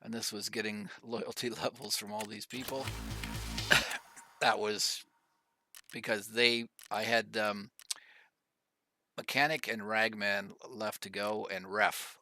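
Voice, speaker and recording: Man, middle-aged, slightly coughy, bright forceful voice, low-ish pitch, rambling casual game commentary. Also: little pitch movement, takes it slowly, pauses often. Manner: rambling, many fillers, coughing now and then. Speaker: gaming YouTuber.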